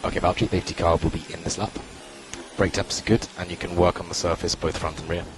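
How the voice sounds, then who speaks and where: A man working as a race engineer on team radio, giving calm, clipped spotter-style instructions and repeating key calls. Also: deep voice, quick pace. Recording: radio transmission with loud music behind.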